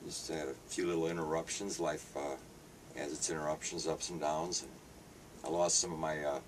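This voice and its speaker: The voice is a rumbling low one, flat in delivery and at normal speed. It belongs to a Hungarian street paper vendor and artist in his fifties who answers interview questions haltingly, with frequent fillers and restarts, recorded from a distance amid faint background noise.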